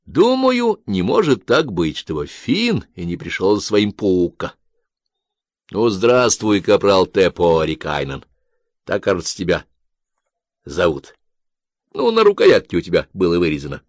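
A man reading a story and voicing a calm, grey-haired older soldier who speaks with steady, dry irony. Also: sits low, measured pace, dry recording, heavily acted. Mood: mocking. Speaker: corporal in a war story. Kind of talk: audiobook character voice.

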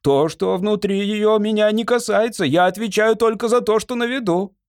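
A man's voice: normal speed, no room sound, studio quality. A man voicing a fussy, anxious male servant who tends a great gun, in an audiobook. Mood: defensive. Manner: shrill, pleading, defensive.

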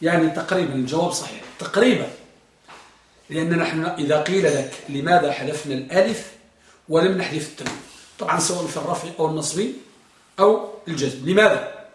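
A man leads a grammar lesson in a classroom. He asks his students questions and repeats each example slowly with stress. His voice sits high, and it is picked up from across an echoey room. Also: distant mic, slight background noise. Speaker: grammar teacher.

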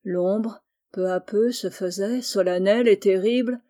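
A woman giving a measured, expressive reading of a literary story. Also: mid-range voice. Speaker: reader.

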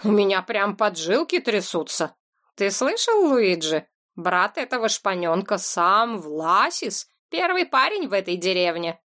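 A woman voicing a stooped, menacing man with a creaky, grating voice. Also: lowish voice, expressive, moderate pace, few pauses, voice pushed down, lightly acted. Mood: mocking.

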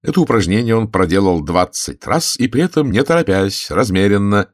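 Brief: male audiobook reader, lively lilting pitch, dry close sound. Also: fairly quick, no room sound. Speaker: narrator. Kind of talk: audiobook narration.

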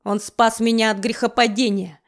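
A woman's voice: a little high, little pitch movement, normal speed, lightly acted. A woman voicing an irritable middle-aged man who talks in curt, barking orders. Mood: gruff. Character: gruff, irritable middle-aged man, future father-in-law.

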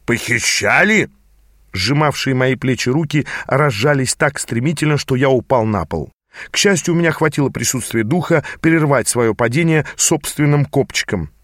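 A man narrating a first-person fantasy audiobook in an even storytelling manner. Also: mid-range voice, moderate pace, no room sound, clean studio sound.

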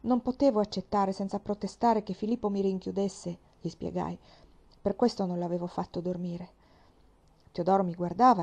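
A woman reads a historical novel aloud in a warm, mellow voice. Her first-person telling is expressive and dramatic, climbing now and then into loud, forceful passages. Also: lowish voice. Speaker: reader.

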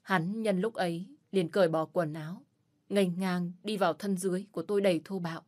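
A woman's voice: lowish voice, steady tone, brisk, darkish tone. A woman telling a tense, emotional first-person story as narrator. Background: faint music.

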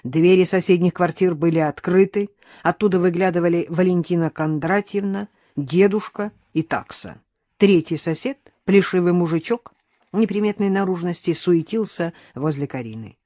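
Woman narrating an audiobook with lively irony. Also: lowish voice, moderate pace, no room sound, clean studio sound. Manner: lively, ironic storytelling. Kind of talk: first-person audiobook narration.

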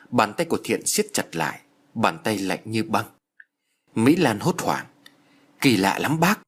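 A man reads a story aloud. His pitch rises and falls in a lively way, and he keeps the telling dramatic. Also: breathy edge. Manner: dramatic, voices every character. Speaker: audiobook narrator. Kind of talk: storytelling narration.

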